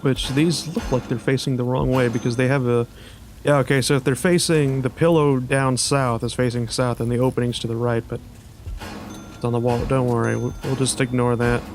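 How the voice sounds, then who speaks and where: A man's voice: medium pitch, steady tone, normal speed, slight background noise. A man giving casual, sarcastic gameplay commentary, swearing often and breaking into frustrated outbursts. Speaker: gaming video host.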